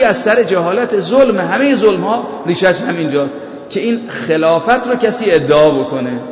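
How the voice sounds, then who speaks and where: A man preaching a sermon, reciting Arabic verses slowly and checking that his listeners follow. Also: sits high. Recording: echoey hall, dull lo-fi sound.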